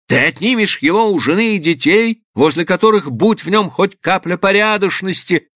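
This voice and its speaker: A man's voice: medium pitch, pushed and bright, dry recording, studio quality. A male reader voicing a sarcastic, hot-tempered older father in an audiobook, mocking and then thundering at his daughter. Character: stern older Irish-American father, sarcastic, furious.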